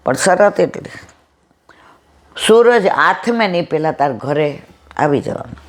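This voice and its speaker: Satsang speaker, mid-pitched, telling folk parables with lively character voices and slow moral lines. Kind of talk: devotional storytelling talk.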